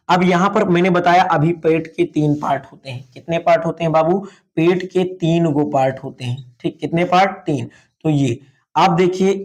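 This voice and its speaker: A man's voice: on the high side, a little mellow. A man teaching a biology class in with a tinge, repeating key terms as questions and calling his students "beta". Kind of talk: classroom lecture.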